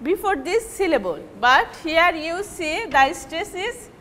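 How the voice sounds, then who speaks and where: A woman with a Bangladeshi English accent teaching word stress in a measured way, repeating the example words slowly. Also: extremely high pitch, animated, bright, forceful tone. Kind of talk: classroom lecture on word stress. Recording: reverberant room with faint ambient noise.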